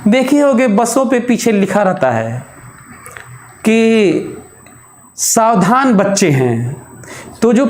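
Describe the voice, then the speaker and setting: Male physics teacher, slow and measured, pausing to stress points, lecture in a reverberant classroom. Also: high voice, darkish tone. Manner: slow and deliberate, with held pauses. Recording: echoey room.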